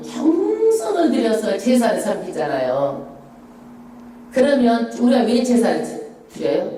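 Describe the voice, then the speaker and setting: A middle-aged woman pastor preaches and leads the reading of scripture, driving her points home with rhetorical questions. Her mellow voice swings up and down in pitch. It rings out through a reverberant church hall, picked up from a distance. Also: a little hiss or hum. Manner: emphatic, rhetorical questions, lively swoops in pitch. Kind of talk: Bible-study sermon with congregational reading. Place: church sanctuary.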